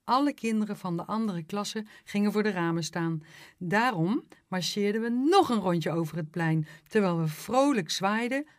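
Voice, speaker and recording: A woman reading a children's storybook aloud in a lively, playful way. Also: medium pitch, normal speed, no echo, studio quality.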